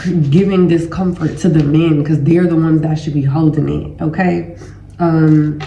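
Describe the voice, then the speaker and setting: A woman with a deep, mellow voice speaks casually to her viewers, sounding congested and sore-throated as she hosts in her role as a healing educator. She's relaxed and chatty and addresses people as "y'all." There's slight background noise and a roomy echo.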